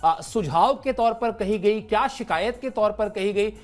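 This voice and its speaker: A man analysing cricket on a talk show, speaking in a measured, reflective way and stressing words with deliberate pauses. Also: high voice. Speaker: cricket analyst and voice-over artist.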